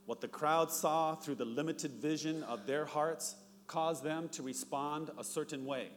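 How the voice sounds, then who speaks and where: A middle-aged male pastor delivers a sermon in a fairly high voice, and he tells stories by acting out each line of dialogue. His voice rings with long reverb through a large hall. A faint hiss sits under it. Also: steady tone, a little slow. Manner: storytelling, acts out dialogue with rising pitch.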